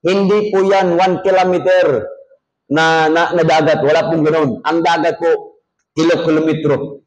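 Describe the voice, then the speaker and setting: A male pastor with a Filipino accent preaching a sermon in an air-conditioned church. He jokes with the congregation, and his voice rises to a near shout when he reads scripture. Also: on the high side, fairly even intonation, measured pace, poor audio. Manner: folksy, joking asides to the congregation.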